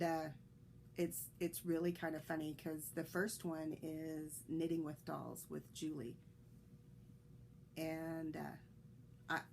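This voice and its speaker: On her solo knitting podcast, a slightly congested woman chats casually and rambles, using fillers, restarting sentences, and coughing. Her deep voice has vocal fry and a darkish tone, with a bit of hiss or hum in the background.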